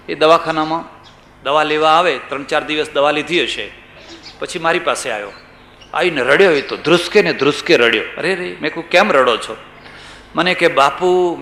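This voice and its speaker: A swami delivers a discourse in a bright, slightly high voice. He tells anecdotes, acts out the voices of people he quotes and asks the hall rhetorical questions. The sound rings around an echoey room. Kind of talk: religious discourse.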